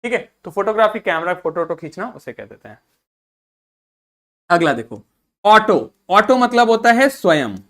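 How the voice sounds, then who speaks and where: A man's voice: high-pitched, very animated, moderate pace, pauses often, fairly bright tone. A man teaching a vocabulary lesson to students, explaining word roots in Hindi mixed with English terms, breaking words into syllables and having the class repeat them. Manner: drills pronunciation, breaks words into parts, asks class to repeat. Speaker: school teacher.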